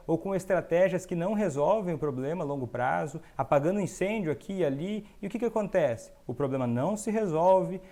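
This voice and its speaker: Brazilian guy explaining stuff to the camera, pretty high voice, acts out little quotes. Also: darkish tone. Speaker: host, doctor. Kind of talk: educational monologue.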